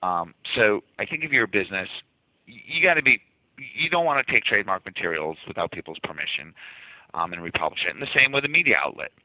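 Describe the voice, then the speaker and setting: A man's voice: on the low side, big pitch swings, fast talker, no echo. A man with a light Boston accent, a guest in his office explaining his marketing ideas eagerly and often restarting words. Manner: enthusiastic, explanatory, repeats words when restarting. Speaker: guest, marketing agency owner. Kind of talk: casual interview talk. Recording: tinny phone-like line, dry.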